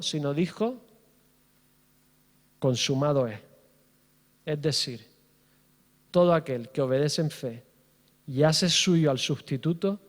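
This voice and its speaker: A middle-aged man preaching a sermon as pastor, passionate and building with repetition. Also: a little high. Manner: impassioned, rising in fervor with repetition. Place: church hall. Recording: reverberant church hall.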